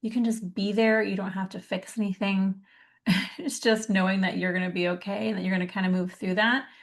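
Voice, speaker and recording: A woman's voice: medium pitch, level tone, a little fast. A woman hosting an interview, affirming her guest, her voice a little worn as she is losing it. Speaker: podcast host. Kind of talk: interview conversation.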